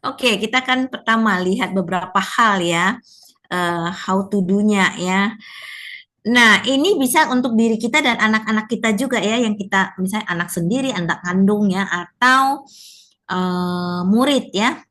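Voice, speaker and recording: A woman's voice: mid-range voice, moderate pace, a bit bright. A woman giving a conversational teaching talk at a workshop for teachers, often tossing in rhetorical tag questions.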